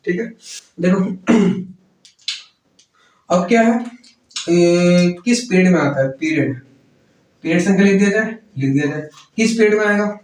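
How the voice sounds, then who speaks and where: A man's voice: high voice, animated, a little slow, long pauses. A man teaching a chemistry class, asking questions and answering them himself, repeating key words. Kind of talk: classroom lecture. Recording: roomy echo, voice from far off.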